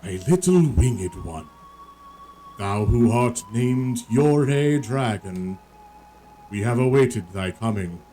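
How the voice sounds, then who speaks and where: Man putting on a grand, slow ancient dragon voice. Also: medium pitch, expressive, dark tone, soft background music. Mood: solemn welcome. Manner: dragon voice, slow archaic pronouncements. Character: ancient solemn male dragon, grand and godlike. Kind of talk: reading video game dialogue in character.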